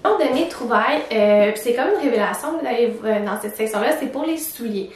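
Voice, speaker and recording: A woman's voice: a little high, lively intonation, fairly quick, slight background noise. A woman with a Québécois French accent, a teacher chatting casually about clothes she bought, with many fillers. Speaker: teacher vlogger. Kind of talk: casual fashion haul chat. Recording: very echoey room, far from the mic.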